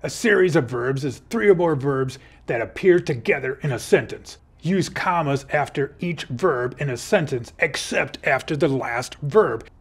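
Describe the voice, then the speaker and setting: A man's voice: mid-range voice, animated, unhurried, hardly any pauses, breathy edge. A man teaching kids grammar in a playful, upbeat superhero persona. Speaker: teacher playing a comma superhero. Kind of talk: educational video for kids.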